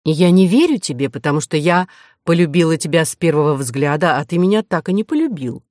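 A woman's voice: low-pitched, lively intonation, a little fast, a little mellow, no echo, clean studio sound. A woman voicing a proud, imperious young princess in an audiobook, speaking in a commanding, indignant, emphatic way. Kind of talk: audiobook character voice.

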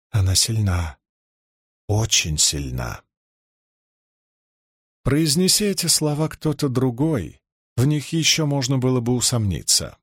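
Lively male audiobook narrator, dry sound. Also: mid-range voice, dry recording. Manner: expressive storytelling reading. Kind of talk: scripted fantasy narration.

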